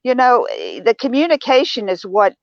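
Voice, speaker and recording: Animated older woman guest, dry sound. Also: on the high side, normal speed, vocal fry, no echo, highs cut off. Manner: animated, acts out quoted remarks in changing tones. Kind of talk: casual interview talk.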